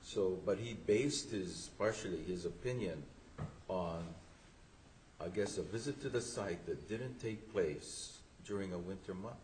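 A man questioning from the bench as a justice, in a halting, deliberate way. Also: sits low, darkish tone, poor audio. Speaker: appellate justice questioning lawyers. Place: courtroom. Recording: faint background noise.

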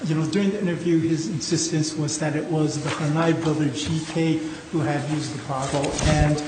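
A man speaking as a lawyer in oral argument, with halting, hedging, informal phrasing. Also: fairly high pitch, fairly even intonation. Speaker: lawyer arguing an appeal. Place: indoor courtroom. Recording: echoey courtroom, faint noise.

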